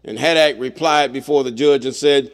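A man's voice: medium pitch, steady tone. A middle-aged man reading scripture aloud and breaking in with his own blunt comments. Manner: reads slowly, breaks in with blunt asides.

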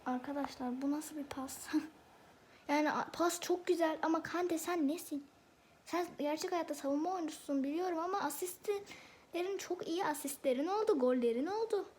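A high-pitched woman chats her way through a football video game, excitable and quick to squabble with the referee. A faint background hiss runs under her voice. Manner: excitable, exclaims and argues with the referee. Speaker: gameplay video host. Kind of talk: live football game commentary.

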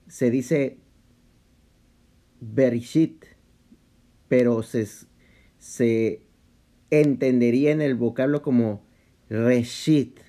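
A man explaining a Bible study in a casual vlog, talking halting and conversational with many restarts and English slang mixed in. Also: mid-range voice, mellow. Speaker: vlogger.

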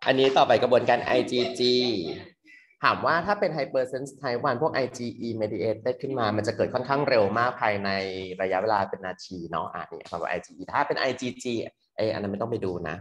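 A young man tutoring medical students in a loose, quick exam review full of fillers. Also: medium pitch. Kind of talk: casual exam review lecture. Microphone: computer mic on a screen recording.

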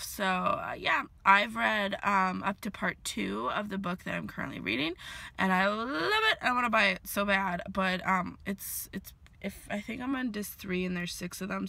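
Her voice is gravelly yet bright and forceful, medium in pitch, in a dry recording. A woman in her twenties, hoarse and losing her voice, rambles through a casual vlog with lots of fillers, shooting on a phone held at arm's length inside her car.

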